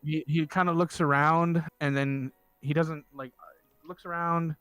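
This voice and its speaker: A man's voice: a little high, steady tone, fairly bright tone, clean tone, no room sound, soft background music. Hesitant male game master narrating. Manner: halting, with many fillers and restarts.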